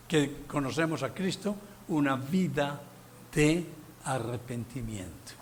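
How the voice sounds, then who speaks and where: Pastor guy preaching real slow, bit high voice, big echoey church, emphatic. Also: slight background noise. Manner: emphatic, with sudden loud bursts and exclamations. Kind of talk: sermon. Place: church sanctuary.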